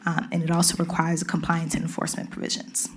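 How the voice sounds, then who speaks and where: A woman with a Caribbean accent presents to a city council in a low, steady voice. Her pitch stays flat and even as she works through a formal policy briefing item by item. She sounds measured and methodical, like staff reporting to elected officials. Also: a little hiss or hum. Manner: methodical, walks through points one by one.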